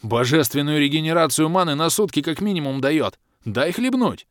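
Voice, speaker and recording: A man voicing a hoarse, wheezing, pushy male mage who begs for wine in an audiobook. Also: on the high side, lively intonation, moderate pace, no room sound, clean studio sound, pitched above the performer's own voice, natural voice. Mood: pleading. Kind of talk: audiobook character voice.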